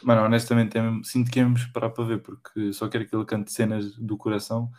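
A man's voice: on the low side, monotone, fast talker, a little mellow. A young man chatting casually in slangy, somewhat hesitant phrases. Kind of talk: casual chat.

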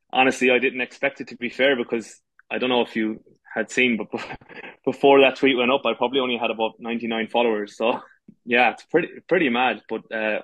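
Irish guy, thirties, casual interview chat, mid pitch, really dry recording. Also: a bit bright, no room sound. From Galway, west of Ireland. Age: 30s. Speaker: podcast guest, amateur goalkeeper.

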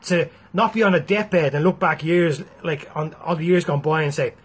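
A man's voice: fairly high pitch, moderate pace, slightly rough. A man with an Irish accent giving a blunt, freely swearing motivational talk to his viewers. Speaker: motivational speaker.

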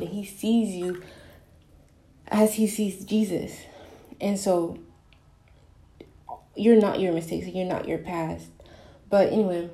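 A woman's voice: mid-range voice, mellow. A young adult woman giving an earnest, rambling, casual confessional monologue, recorded in an echoey bathroom. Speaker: podcast host. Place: small bathroom, in the bathtub.

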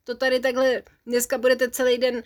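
A woman's voice: sits high, monotone, natural voice. A woman voicing a mischievous little male pirate imp in a bedtime story, cheeky and sing-song. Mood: teasing.

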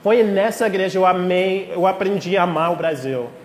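High-voiced American preacher speaking accented Portuguese, echoey hall. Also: male voice, normal speed. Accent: American English accent in Portuguese. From Texas, United States. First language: English. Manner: heartfelt, emotional, playful asides. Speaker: guest preacher. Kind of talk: informal sermon to a congregation, with prayer. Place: speaking live in a church. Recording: echoey church hall, long reverb, faint noise.

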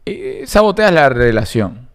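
A middle-aged man co-hosting a live podcast, calm and wry, teasing his co-host. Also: mid-range voice, unhurried.

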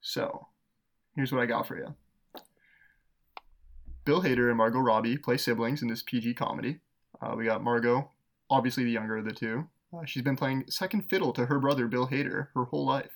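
A podcast co-host talking casually, his gravelly voice slipping into fry at the ends of phrases. He rambles, fills gaps with "uh" and laughs a lot at his own jokes. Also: medium pitch, fairly even intonation, brisk, long pauses. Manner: laughs often, rambling with fillers. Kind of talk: casual chat.

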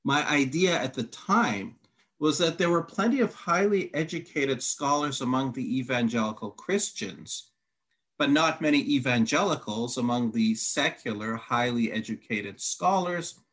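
In a teaching conversation, a Hungarian-born Bible teacher reads long passages aloud and sets out his answers point by point in a methodical way. His mid-range voice is animated and fairly bright, at a measured pace.

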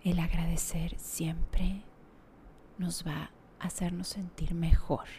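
A woman guiding a meditation in a soft, half-whispered, slow and soothing way. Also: lowish voice, little pitch movement, a little hiss or hum. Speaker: meditation guide. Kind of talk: guided meditation. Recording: music playing behind.

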